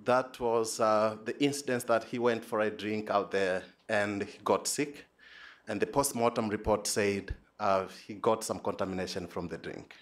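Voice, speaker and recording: Speaking at a fairly low pitch, a man with a Tanzanian accent presents his PhD work at an academic conference. His delivery is hesitant and halting, and he often repeats words.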